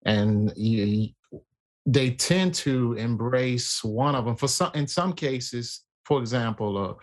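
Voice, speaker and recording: A man in casual conversation about faith, talking in a halting way with many fillers and restarts. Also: mid-range voice.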